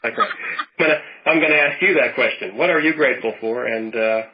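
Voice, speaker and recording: A man's voice: medium pitch, fairly quick. Rambling man in his fifties on a lo-fi line. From Western Pennsylvania. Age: 50s. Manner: rambling, warm storytelling with many restarts. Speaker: podcast co-host. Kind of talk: casual chat.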